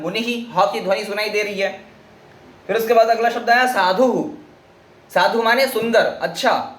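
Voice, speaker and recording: A man teaches a classroom lesson in a fairly high voice. He goes slowly, repeating each word and breaking it down sound by sound. The room gives his voice a roomy echo. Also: a bit bright. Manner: explains slowly, repeats words and spells them out.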